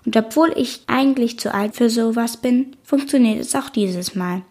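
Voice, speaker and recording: A woman narrating a children's audiobook in the first person, with lively storytelling. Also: a little high, normal speed, slightly rough.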